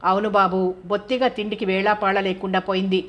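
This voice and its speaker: A woman's voice: mid-range voice, little pitch movement, fairly quick, close to an everyday voice. A woman voicing a fretful older mother. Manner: worried, scolding.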